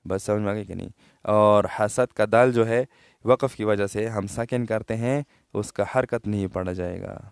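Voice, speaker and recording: A man's voice: steady tone, creaky, clean tone, no room sound, studio quality. A man with a Pakistani Urdu accent teaching Quran recitation rules, patiently explaining letter sounds and checking that students follow. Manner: patient, checks understanding, drops low at phrase ends; slow melodic recitation in the passages he reads out. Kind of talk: tajweed lesson, explaining and modelling recitation.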